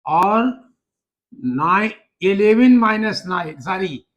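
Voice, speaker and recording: A male math teacher with a noticeably high voice walks through each step of a problem. He talks slowly and patiently, spelling terms out letter by letter as he goes. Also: animated, fairly bright tone. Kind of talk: classroom lesson explanation.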